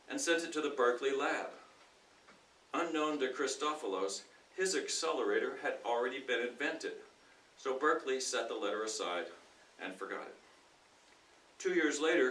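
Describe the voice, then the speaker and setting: A man reads nonfiction aloud as a speaker in a reading contest, with a bright, forceful voice. His delivery is deliberate and emphatic, broken into short phrases. The room echoes around him and the microphone sits at a distance. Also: medium pitch. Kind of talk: expressive reading aloud of nonfiction to a live audience. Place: indoor room at a speaking club meeting. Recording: roomy, distant mic with faint noise.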